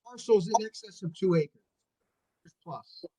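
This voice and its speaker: A man's voice: high voice, a little slow, mellow, breathy edge, rough recording. A man presenting zoning regulations over a video call, his audio cutting in and out and his volume uneven, often repeating words as he explains. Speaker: staff planner presenting a zoning text change. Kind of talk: explaining regulations at a public meeting.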